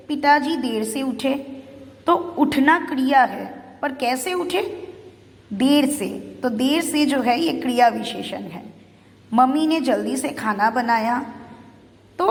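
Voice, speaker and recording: A woman teacher explaining grammar to young children, patiently working through examples step by step and asking questions. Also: high voice. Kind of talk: Hindi grammar lesson for children. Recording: echoey room with long reverb.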